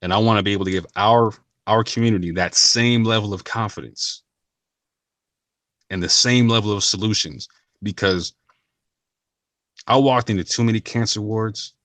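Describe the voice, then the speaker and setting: Male vlogger, very low voice, earnest and slangy, many restarts, dry close sound. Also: normal speed, long pauses, a bit bright, no room sound. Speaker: channel host. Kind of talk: casual talk to camera.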